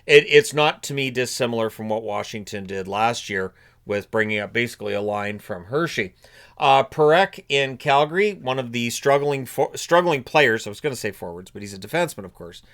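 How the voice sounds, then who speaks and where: Sniffly from a cold, this man hosts a solo hockey commentary channel, musing casually with frequent fillers and false starts. He speaks a little fast and expressively, in a medium-pitched, slightly bright voice.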